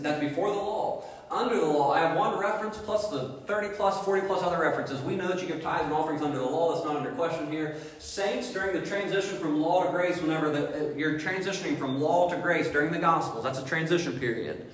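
A man's voice: fairly high pitch, brisk. A man preaching a sermon as pastor, emphatic and full of rhetorical questions. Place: church sanctuary. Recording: echoey hall reverb.

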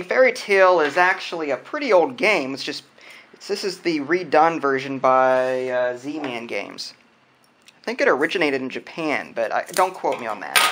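Seated indoors at a wooden table, a board game unboxing host talks casually, musing out loud while he picks up and handles each item. His pitch is fairly high and a bit bright, and there's a slight hiss or hum in the audio.

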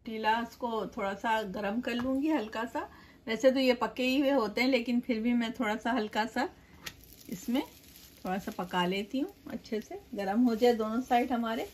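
A cooking channel host, middle-aged and with a voice a bit high for a woman, demonstrates a home recipe at her kitchen counter at a moderate pace. She chats and explains every step while working, often turning toward the viewer. There's a faint hiss or hum.

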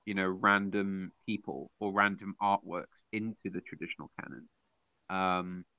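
Low-voiced man, halting, lo-fi sound. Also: steady tone, no echo. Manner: halting, with many fillers and restarts. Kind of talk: casual debate on art. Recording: dull lo-fi sound.

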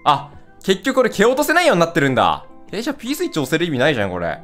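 A young gaming host narrates a let's-play in a quick, excitable rush, pitch bouncing up and down as he blurts reactions and laughs. His talk is rough and casual, playfully scolding the screen, with faint game music underneath.

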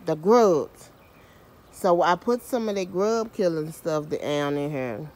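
A woman's voice: deep voice, lively intonation, slow pace, a little mellow. A woman giving a chatty, self-mocking garden tour outdoors, filming on a handheld phone. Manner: chatty, self-mocking, uses Southern US slang. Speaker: home gardener and vlogger. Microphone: handheld phone camera.

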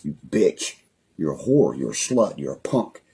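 With an extremely low, very animated voice that's unhurried, mellow and slightly rough, a young man with a West Virginian accent livestreams by phone from a small room at home. He rambles angrily, threatens and swears constantly in a profane rant.

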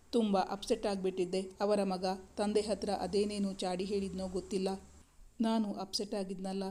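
A woman voicing a young woman doctor who speaks in a pleading, tearful, halting way. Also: mid-range voice, mellow, natural voice.

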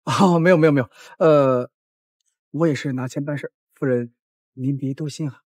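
An actor playing a flustered young assistant, deferential and placating, in a short drama. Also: male voice, a little high, normal speed, darkish tone, no room sound, studio quality, close to an everyday voice. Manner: hesitant, placating. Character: flustered, deferential male assistant to a rich household. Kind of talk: short romantic drama acting.

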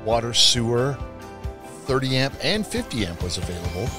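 A middle-aged man from California vlogging casually from an outdoor lakeside campsite, talking in a relaxed, rambling way and correcting himself as he goes. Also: mid-range voice, moderate pace. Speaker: camping vlogger. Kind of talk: casual travel vlog. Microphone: camera at arm's length. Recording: music playing under the voice.

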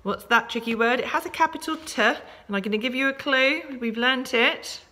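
A woman's voice: high-pitched, a little fast, sharp tone. A woman teacher giving a home-learning phonics lesson to young children, upbeat, encouraging and sing-song. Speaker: primary school teacher.

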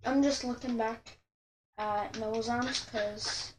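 A woman with a high voice talks slowly and loosely while she draws, rambling along and stopping to correct herself. She addresses her viewers in an easy, chatty way over a faint hiss in the background. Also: steady tone, roomy sound. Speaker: channel host. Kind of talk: casual commentary while drawing.

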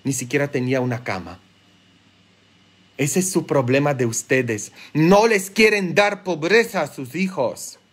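Male priest, sermon, animated, rhetorical questions, colloquial jokes, slightly high voice. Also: unhurried. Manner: colloquial and joking. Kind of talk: live-streamed Sunday homily.

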